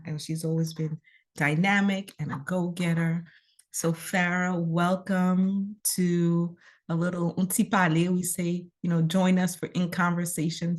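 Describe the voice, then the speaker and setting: A woman's voice: fairly low pitch, creaky. Encouraging woman hosting an interview. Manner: warm, encouraging, frequent affirming murmurs. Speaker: interview host. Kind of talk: conversational interview.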